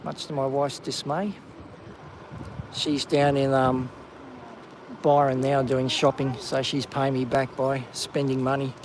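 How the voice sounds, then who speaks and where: A man casually hosting a live walking stream on a coastal clifftop, chatty with plenty of ums and excited whenever he spots something. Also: medium pitch, a little slow, long pauses, noisy background. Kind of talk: live walking vlog commentary. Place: outdoors on a coastal clifftop walk.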